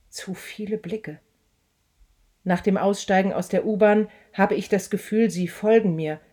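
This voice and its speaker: Dark-voiced woman reading prose. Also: mid-range voice. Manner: tense, intense first-person reading. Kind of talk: scripted reading of a literary passage.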